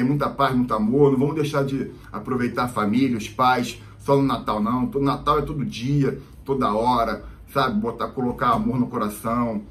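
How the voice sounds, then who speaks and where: Um homem com sotaque carioca contando uma história num vlog, falando solto, cheio de gírias e muletas. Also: male voice, mid-range voice, fairly bright tone. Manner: rambling, slangy, lots of fillers. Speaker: vlogger. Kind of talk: casual storytelling vlog.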